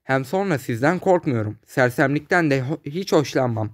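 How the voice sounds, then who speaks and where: A man reading aloud, voicing a calm, self-assured young man who mocks his rival in a smooth, condescending way. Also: mid-range voice, normal speed, no room sound, studio quality, close to an everyday voice. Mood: mocking.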